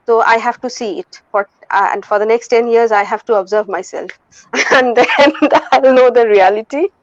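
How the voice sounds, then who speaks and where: A woman in her forties with an Indian English accent, a guest vocalist and music teacher, speaks softly and thoughtfully in a candid conversational interview, pausing and restarting often. Her voice is on the high side. The recording is dry, dull, and lo-fi, with no echo.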